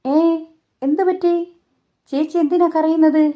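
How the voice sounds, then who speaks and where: A woman's voice: sits high, steady tone, measured pace, mellow, voice pushed up. A woman voicing a younger man, an uncle who asks his sister what is wrong. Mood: surprised. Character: young adult uncle, brisk and surprised.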